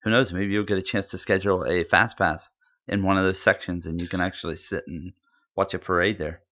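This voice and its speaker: A man's voice: deep voice, fairly even intonation, brisk, pushed and bright. A man co-hosting a podcast in casual chat, rambling and enthusiastic with lots of fillers. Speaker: podcast co-host. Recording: dull lo-fi audio.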